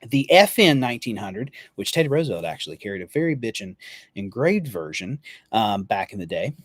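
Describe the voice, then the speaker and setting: A man's voice: lowish voice, sing-song, fairly quick, dry recording. A man hosting a live firearms show, talking through gun history in a loose, rambling way, correcting himself and swearing casually.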